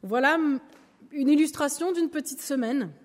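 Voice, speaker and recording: A woman giving a lively sermon in church, acting out an illustration with a balloon. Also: high-pitched, moderate pace, long reverb tail. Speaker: church speaker. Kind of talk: sermon with object lesson.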